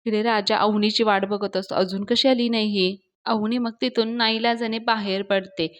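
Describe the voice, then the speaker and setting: A woman narrating a brisk recap of a TV serial episode. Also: mid-range voice, steady tone. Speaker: serial reviewer.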